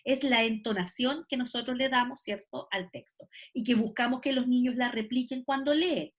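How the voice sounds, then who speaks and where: A woman's voice: on the high side, normal speed, a bit bright. A woman teacher gives an online class, explaining patiently and often checking that students follow. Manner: explanatory, checks understanding with "¿cierto?" and "¿ya?".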